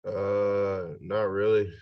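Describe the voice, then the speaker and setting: Low, flat-voiced man answering in a courtroom. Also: very slow. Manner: flat, terse, deferential. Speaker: defendant. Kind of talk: brief formal courtroom answers. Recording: dull lo-fi courtroom audio.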